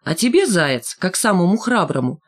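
A woman voicing a calm, kind boy who leads the group, speaking lower and steadily to reassure. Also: normal speed. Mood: calm reassuring.

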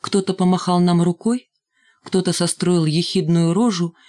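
A woman narrating a first-person story in a measured, expressive reading. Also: lowish voice. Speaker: audiobook narrator.

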